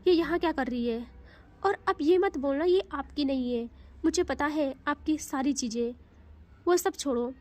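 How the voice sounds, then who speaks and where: A tender-hearted young wife, quick to panic, as a woman storyteller puts her on. She pleads in quick strings of questions, her voice sitting high. It is audio-story reading, close to the mic. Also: a little mellow, close to an everyday voice. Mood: upset. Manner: pleading, rapid-fire questions.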